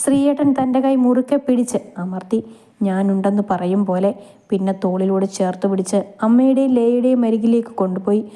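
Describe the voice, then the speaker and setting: A woman reading a romantic family story aloud in a gentle, steady storytelling manner. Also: medium pitch, brisk.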